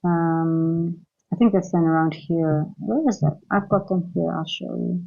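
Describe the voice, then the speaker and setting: A woman's voice: lowish voice, fairly even intonation, unhurried, vocal fry, phone-quality sound. A woman who grew up in Singapore, hosting a live trading stream and thinking aloud as she goes, with many fillers and restarts. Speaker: trading livestream host. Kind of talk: live market commentary and viewer chat.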